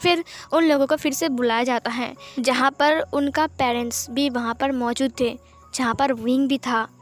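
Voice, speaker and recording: High-voiced woman retelling a story. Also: fairly even intonation, moderate pace, soft background music. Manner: chatty, repetitive retelling. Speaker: storyteller explaining fan fiction. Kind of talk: casual story narration.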